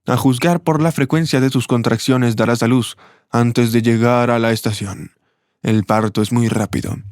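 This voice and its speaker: A man voicing an old hooded vagrant, a former doctor, speaking low, steady and instructive in a storybook reading. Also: normal speed, no room sound, clean studio sound, lightly acted. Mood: calm, firm.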